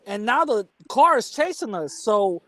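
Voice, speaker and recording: A man's voice: high voice, sing-song, unhurried, a bit bright, no echo, rough recording. Streetwise New York man, dry close sound. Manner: streetwise, candid, frequent restarts. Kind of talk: casual storytelling chat.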